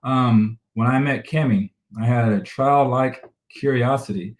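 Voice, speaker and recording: An energetic man coaching on relationships, his words tumbling out quickly. His voice sits in the middle range and carries an echo from the room around him. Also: mid-range voice. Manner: energetic, fast-talking. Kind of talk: casual conversational talk show.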